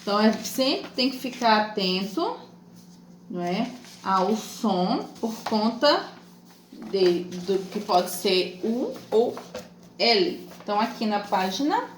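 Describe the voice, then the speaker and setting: A Brazilian woman teacher giving a lesson to children, talking slowly and patiently, spelling out letters and syllables. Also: medium pitch, very animated. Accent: Brazilian Portuguese. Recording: echoey room with faint noise.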